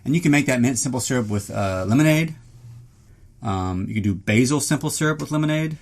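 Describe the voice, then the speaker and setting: A man hosts a solo podcast from inside a small closet, his medium-pitched voice lively in intonation and brisk in pace. He chats in a casual, rambling way, joking, poking fun at himself and prone to swearing.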